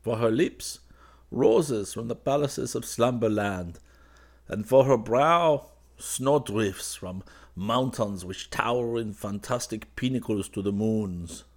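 A man voicing a drowsy young painter who murmurs softly and dreamily to a cat. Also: lowish voice, slow, voice pushed up. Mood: dreamy. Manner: soft, dreamy, musing.

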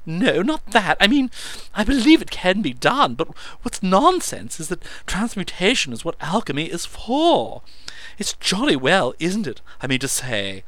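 A man voicing a shrill, excitable, eccentric male alchemist who blathers breathlessly in a squeaky voice. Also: measured pace, no room sound, full character voice. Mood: manic.

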